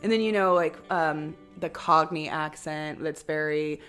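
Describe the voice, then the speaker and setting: A woman's voice: deep voice, unhurried, fairly bright tone, clear, resonant tone, soft background music. A woman from the American Midwest co-hosting a podcast, chatting casually, laughing often and using lots of fillers. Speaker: podcast co-host. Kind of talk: casual chat.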